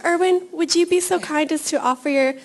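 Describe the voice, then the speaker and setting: A woman's voice: very high-pitched, a little fast, a little hiss or hum. A woman moderating a panel event, effusive and gracious as she thanks speakers and calls up the next group.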